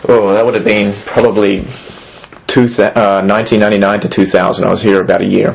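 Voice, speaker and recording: Here a museum executive in his thirties, originally Australian, responds to an interviewer with hesitation, repeated fillers and restarts. His fairly low, gravelly voice comes out flat and quick, and the audio is poor.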